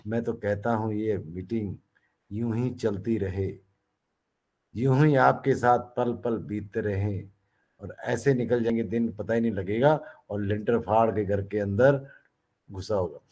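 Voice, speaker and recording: A man's voice: on the low side, unhurried, dark tone, poor audio. A man hosting an online meeting, chatting casually and playfully with folksy sayings. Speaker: meeting host. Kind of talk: casual motivational chat.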